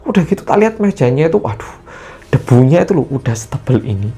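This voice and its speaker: A man's voice: medium pitch, big pitch swings, fast talker, warm tone, breathy edge. A man with a Korean accent voicing a curious young female intern who asks eager, nosy questions.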